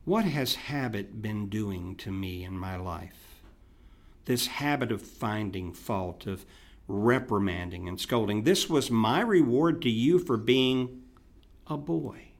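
A man reading a heartfelt letter aloud as a podcast host, tender and remorseful, his voice dropping soft on key words. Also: fairly low pitch. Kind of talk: dramatic reading of a classic letter.

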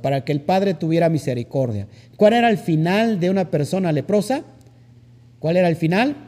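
A man preaching a sermon to his congregation, teaching with rhetorical questions and pausing often to find his words. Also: fairly high pitch, mellow, in a large hall.

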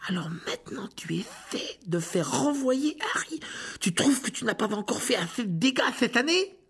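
A man's voice: very high voice, very animated, normal speed, gravelly, a bit bright, slightly rough, voice pushed up, exaggerated voice. A man voicing a sulky, resentful teenage boy with a lisp in an audiobook. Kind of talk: audiobook character reading.

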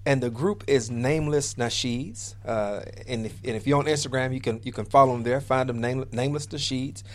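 A man's voice: mid-range voice, fairly quick. A man hosting a casual radio interview, often repeating words as he starts his phrases. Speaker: radio show host.

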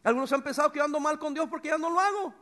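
A middle-aged man preaching a sermon as pastor, swinging between loud bursts and soft, tender passages. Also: very high-pitched, rapid-fire. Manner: animated preacher, swings from shouts to soft tones.

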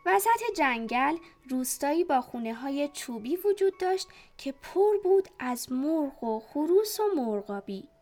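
High-voiced woman telling a children's tale. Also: few pauses. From Iran. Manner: lively, expressive storytelling. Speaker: storyteller. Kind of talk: scripted children's story narration. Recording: narration with soft background music.

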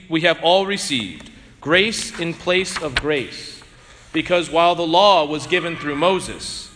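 Male priest, bright voice, slow and solemn liturgical delivery, ringing in cathedral echo. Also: fairly high pitch, a little hiss or hum. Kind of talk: chanted liturgy, Gospel reading and homily. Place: large reverberant church. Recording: cathedral echo, long church reverb.

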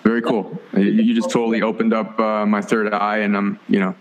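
A man's voice: fairly low pitch, flat delivery, fairly quick, lo-fi sound. A man hosting a casual interview, effusive and informal, rephrasing as he reflects. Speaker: podcast host.

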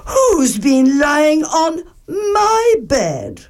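A woman plays a gentle mother bear in a storybook, soft and consoling. Her voice sits a little higher than the narration and swoops widely, unhurried. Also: wildly swooping pitch, full character voice. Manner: soft, sympathetic. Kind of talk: storybook reading.

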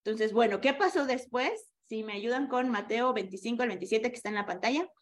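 A woman's voice: on the high side, brisk. A woman leading an online women's Bible study, teaching with animation and asking her listeners questions over a video call.

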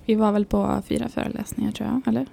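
A woman's voice: mid-range voice, level tone, vocal fry, mellow. A young woman in her twenties with a cold, co-hosting a podcast and asking her partner questions. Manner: prompting, asks questions. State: has a cold. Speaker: podcast co-host, psychology student. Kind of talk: casual chat.

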